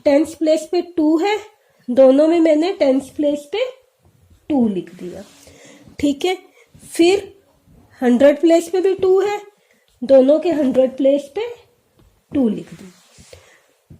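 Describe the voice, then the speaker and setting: A woman's voice: sits high, animated, slow, pauses often, dark tone. A woman teaching a math lesson, explaining step by step and asking questions that she answers herself. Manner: explains step by step, often asks and answers her own questions. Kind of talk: classroom math lesson for children.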